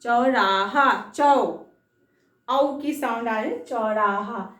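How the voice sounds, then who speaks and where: A woman's voice: on the high side, slow, fairly bright tone, reverberant, distant mic. A woman teaching a children's lesson on Hindi vowel signs, patient, stretching syllables out and asking frequent questions.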